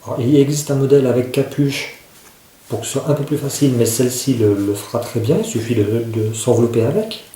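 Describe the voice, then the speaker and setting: A man's voice: mid-range voice, fairly quick, mellow. Casual man demoing gear in an echoey room. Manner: informal, repeats himself, demonstrates while talking. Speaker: outdoor gear reviewer. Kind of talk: casual product demonstration. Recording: roomy echo, faint noise.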